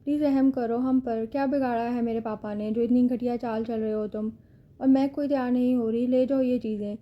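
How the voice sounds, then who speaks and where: A woman's voice: a little high, steady tone, highs cut off, close to an everyday voice. Woman voicing a defiant young captive girl. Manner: pleading, sharp-tongued. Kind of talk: audiobook character reading.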